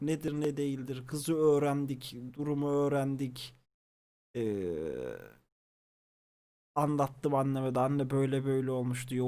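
A young man from Turkey, a streamer, casually telling stories to his chat, animated and swearing freely. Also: on the high side.

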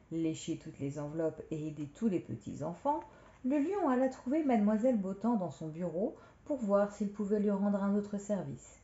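Lady reading a kids' story out loud, mellow voice, roomy dull sound. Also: on the low side. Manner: expressive read-aloud. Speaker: storyteller reading to young children.

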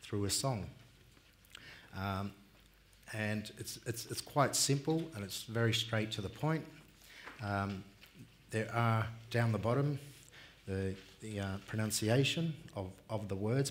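A middle-aged man with an Australian accent speaks to a conference audience in a large indoor hall, his voice low and easygoing. He pauses often with fillers and talks in a plain, unhurried way. A headset mic picks him up, with faint background hum. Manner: unhurried, many fillers, warm and plain-spoken. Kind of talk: relaxed conference talk.

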